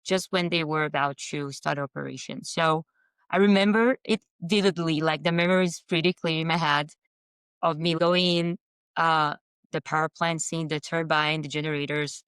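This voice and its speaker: Brazilian woman in her 30s, low smooth voice, chatty podcast guest, dry close sound. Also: a bit bright, no echo. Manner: conversational, friendly, with fillers and small restarts. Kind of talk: casual podcast interview.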